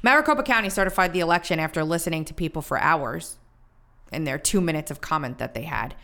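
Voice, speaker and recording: A woman co-hosting a casual political talk show, chatting in quick asides and reading quotes aloud. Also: sits low, animated, bright, forceful tone. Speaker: podcast co-host.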